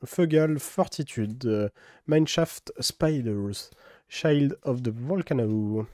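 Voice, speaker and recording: A man speaks in an unhurried, mellow voice as he opens card packs for his channel. He drops in plenty of fillers and carefully sounds out card names, all captured dry and close on the mic. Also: mid-range voice, dry recording. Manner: relaxed, many fillers, reads card names slowly in a put-on English accent. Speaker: card-opening video host. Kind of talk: casual unboxing commentary.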